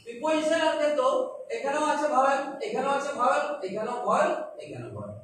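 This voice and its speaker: A woman's voice: high voice, fast talker, slight background noise. A woman teaching young children English, patiently stretching words out syllable by syllable. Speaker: primary school English teacher. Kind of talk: classroom lesson explanation. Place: classroom. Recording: echoey classroom, recorded from a distance.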